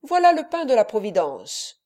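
A woman voicing a cheerful, hungry young peasant man in a storybook reading, speaking loudly and with gusto. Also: fairly high pitch, animated, moderate pace, lightly acted. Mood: jovial. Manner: loud, exclaiming, jovial.

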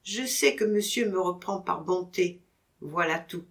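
A woman's voice: lowish voice, measured pace, a bit bright. A woman reading a storybook audiobook, voicing a meek, eager young male servant who answers humbly. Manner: humble, deferential replies.

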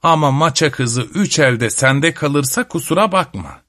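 A man's voice: fairly high pitch, animated, unhurried, sharp tone. A man voicing a sly, spiteful old witch woman in a storybook reading, with a mocking, sneering manner. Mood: menacing.

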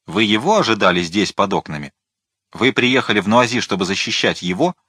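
An imperious nobleman, haughty and used to command, as a male narrator puts him on. The voice is low and deliberate, and it is recorded dry and close. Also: expressive, pushed and bright, husky, dry recording, full character voice.

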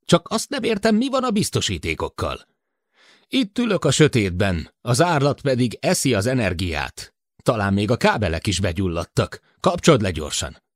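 A man voicing a joking male spaceship crewman stuck in the dark, chatty and teasing. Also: on the low side, wildly swooping pitch, no echo, studio quality, pitched above the performer's own voice.

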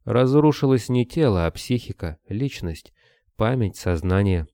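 A man voicing a gruff bearded hunter. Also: lowish voice, lively intonation, unhurried, dark tone, dry recording, clean studio sound, voice pushed up. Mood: grim. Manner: barking, curt orders. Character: gruff bearded male hunter leader, grim and curt. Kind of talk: audiobook character voice.

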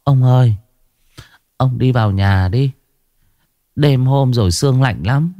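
A man's voice: measured pace, warm tone, no room sound, muffled recording, lightly acted. A man voicing a frightened older village wife who pleads and wails. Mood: pleading, fearful. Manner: high, pleading, wailing.

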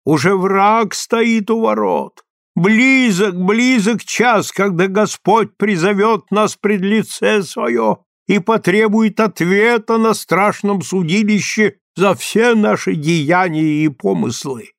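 Guy doing a preachy old priest, fervent, slow and raised up high. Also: expressive, clean tone, dry recording, studio quality. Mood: impassioned. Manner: preachy, drawn-out and impassioned.

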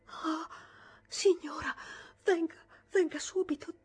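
A woman's voice: fairly even intonation, slow pace. A woman playing a panicked young housemaid. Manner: high frantic pleading, near tears. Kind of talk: audiobook character voice.

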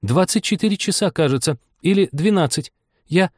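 A timid, polite little girl who speaks up carefully and asks curious questions, as a male reader puts her on. The voice is lifted to a higher pitch and stays soft and careful. It is recorded close and dry. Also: animated, moderate pace, dry recording. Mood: eager. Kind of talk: audiobook reading.

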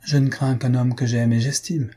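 A man's voice: medium pitch, level tone, moderate pace, dark tone, husky, lightly acted. A man reading the lines of a proud, guarded noblewoman in a cool, composed way.

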